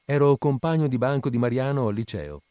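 A man voicing a proud, prickly young jazz bassist who answers with defiant sarcasm. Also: fairly quick, dark tone, no echo, clean studio sound, lightly acted.

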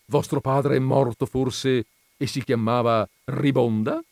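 A man reading aloud, voicing a cheerful gentleman who can't stop making puns. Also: mid-range voice, fairly even intonation, takes it slowly, gravelly, no echo, pitched above the performer's own voice. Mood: jovial. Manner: jovial, cheerfully pleased with own puns. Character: jovial punning male gentleman.

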